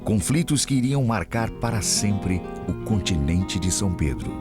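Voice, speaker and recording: A man with a Brazilian accent giving measured, scripted documentary narration. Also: on the low side, animated. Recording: voice-over with loud music behind.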